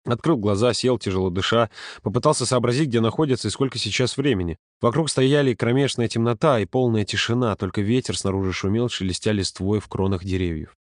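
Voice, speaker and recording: A man narrating a story in a calm, steady audiobook reading. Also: fairly low pitch, a little fast, no echo, studio quality. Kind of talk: scripted narration.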